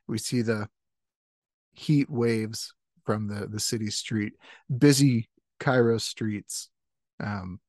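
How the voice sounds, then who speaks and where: A man spins an improvised comic story at an easy, unhurried pace, laughing often as he rambles along. His voice sits close and dry, with no room around it. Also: fairly low pitch, darkish tone, no echo.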